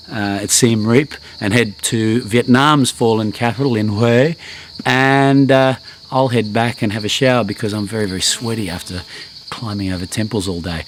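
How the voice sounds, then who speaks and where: A man's voice: medium pitch, slight background noise. A man hosting a casual travel language lesson, chatty and self-deprecating, with lots of ums and restarts. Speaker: language class host. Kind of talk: casual spoken lesson to camera.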